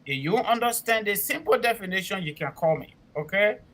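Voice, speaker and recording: West african guy doing a promo on a talk show, high sharp voice, really hammers his points. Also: expressive, fairly quick. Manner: emphatic, repeats himself for clarity. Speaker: co-host and immigration consultant.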